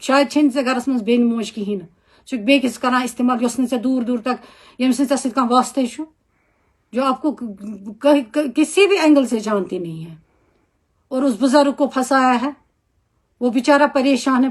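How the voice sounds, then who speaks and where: Woman, Kashmiri accent, high voice, angry, indignant, scolding, homemaker, impassioned video statement. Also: a little slow. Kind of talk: impassioned social media statement.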